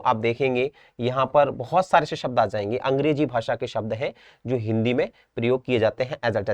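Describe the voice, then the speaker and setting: A man's voice: mid-range voice, darkish tone, no echo. A young man from India with a Rajasthan Hindi accent, teaching an exam-prep class, repeating words and checking understanding. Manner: repetitive, drills each word, checks understanding.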